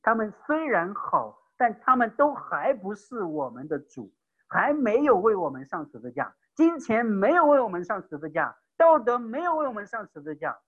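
A man preaching an evangelistic sermon with passion, swinging between loud emphatic peaks and hushed low phrases. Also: very animated, moderate pace, lo-fi sound.

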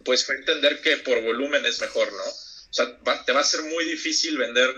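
A man's voice: medium pitch, normal speed, bright, forceful tone, dull audio. A man with a Mexican Spanish accent, chatting as an interview guest, reflective and full of restarts. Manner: reflective, many hesitations and restarts. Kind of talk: casual interview chat.

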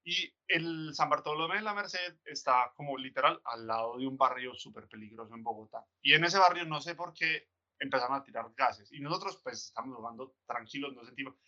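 A man's voice: mid-range voice, brisk, sharp tone. A young man with a Colombian accent chatting casually on a podcast, joking and swearing. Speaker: podcast co-host. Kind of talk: casual chat. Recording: dull lo-fi audio.

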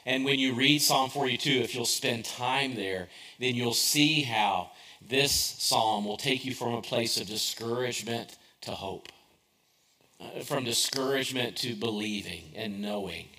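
Bright-voiced man preaching a conversational sermon. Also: mid-range voice, a little slow, poor audio. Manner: conversational storytelling, self-deprecating humor, rhetorical questions. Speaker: pastor.

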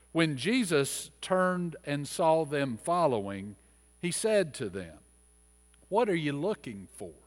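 A man, a pastor, reading scripture aloud and then preaching a sermon, measured in his reading and more animated when he explains the passage. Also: mid-range voice. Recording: long reverb of a church hall.

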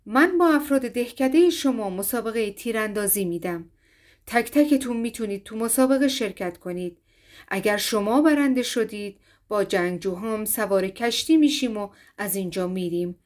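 A woman voicing a stern, commanding male Viking chief in a storybook reading, speaking low and firm. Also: lively intonation, natural voice.

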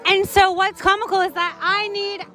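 Excitable female host at a pool party, very high voice, profane and gushing, music and chatter behind. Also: moderate pace. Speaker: podcast host interviewing camp guests.

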